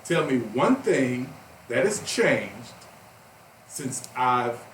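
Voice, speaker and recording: A man in his fifties co-hosts a heated talk radio discussion, passionate and emphatic, breaking into outbursts. His medium-pitched, slightly bright voice swings widely in pitch and moves very slowly. The recording sounds roomy and a bit distant, with faint background noise.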